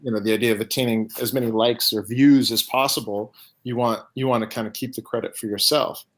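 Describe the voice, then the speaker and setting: A man's voice: medium pitch, fairly even intonation, fairly quick, fairly bright tone. A man speaking as a guest in a casual interview, hesitantly thinking his points through aloud. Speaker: podcast guest, essay writer.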